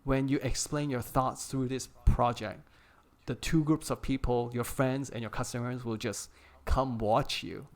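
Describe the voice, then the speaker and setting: A man as a guest on a casual live chat, giving energetic, encouraging advice and laughing often over a remote call. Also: mid-range voice, a little slow, hardly any pauses. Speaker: guest creator coach.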